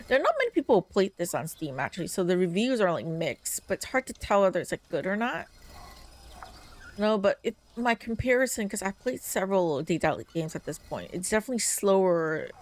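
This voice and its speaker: A young woman streamer giving casual let's-play commentary, tired and rambling with lots of fillers. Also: lowish voice. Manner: chatty, rambling with many fillers. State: tired, yawning. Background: game music.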